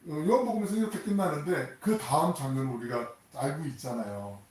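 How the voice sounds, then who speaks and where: A male pastor preaching a sermon in a conversational, animated way, often putting questions to the congregation. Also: a little high, quick pace. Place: church sanctuary. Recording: echoey church sound from a distant mic.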